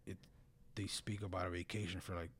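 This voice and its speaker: A man's voice: low voice, flat delivery, brisk, a crowd in the background. A man talking casually and earnestly about religion in a blunt way, often peppering his speech with slang and filler phrases. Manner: blunt, earnest, frequent "bro" and "you know".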